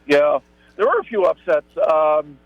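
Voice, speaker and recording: A man, a high school football coach, talking upbeat and rambling in a sports radio interview. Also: very animated, unhurried, no echo. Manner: upbeat, rambling, repeats words. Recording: muffled phone line.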